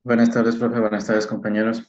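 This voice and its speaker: A man, a student answering the teacher's question in an online class, talking in a measured, hedging way with many fillers. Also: lowish voice, monotone, a little mellow. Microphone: video call. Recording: roomy, dull video call audio.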